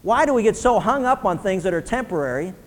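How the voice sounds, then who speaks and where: A man preaching a sermon as pastor, speaking conversationally and moving between soft, prayerful passages and emphatic points. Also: high voice, expressive, fast talker, long reverb tail.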